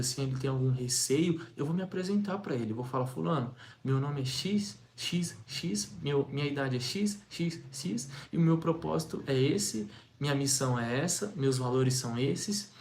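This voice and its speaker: A young man from Brazil delivers a motivational sales talk at a middle pitch. He talks energetically, repeats himself and poses rhetorical questions. A faint hiss of noise sits behind him. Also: a little mellow. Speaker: sales coach.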